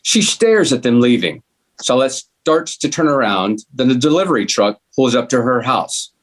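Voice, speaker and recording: At a table read, a man reads the stage directions, narrating scene headings and action in a measured, plain delivery. His voice sits in the middle of the male pitch range and is very animated.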